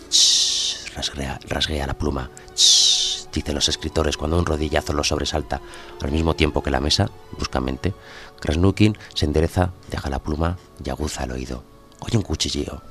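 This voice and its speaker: Deep-voiced man reading a story aloud. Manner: expressive reading, voicing characters' lines. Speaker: narrator.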